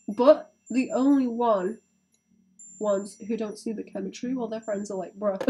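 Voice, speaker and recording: A woman's voice: on the high side, warm tone, slightly rough. A woman chatting casually on a live stream while she draws, thinking aloud and often stopping to restart her sentences.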